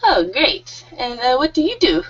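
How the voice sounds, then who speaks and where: A woman's voice: high voice, sing-song, normal speed, fairly bright tone, husky. A woman in her thirties teaching an online English group class, friendly and a little nervous, laughing often. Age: 30s. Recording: muffled lo-fi audio.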